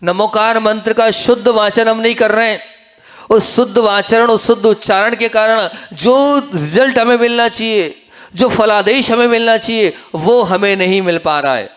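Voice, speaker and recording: A man, a monk, preaching a sermon to a gathering in an earnest, instructive way, teaching how to pronounce a mantra. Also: moderate pace. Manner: earnest, instructive, urges listeners to repeat and pay attention; swings between soft low phrases and raised emphatic ones.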